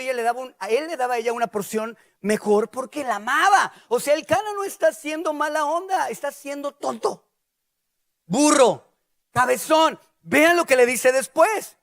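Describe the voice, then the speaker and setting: Very high-voiced preacher. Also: male voice. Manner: lively, animated, playful asides to the congregation. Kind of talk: sermon.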